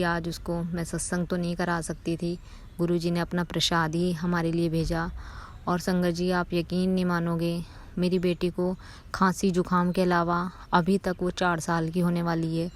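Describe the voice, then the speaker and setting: A woman in her thirties telling a devotional testimony to a congregation, earnestly and often addressing her listeners directly. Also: fairly low pitch. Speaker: devotee sharing a personal testimony.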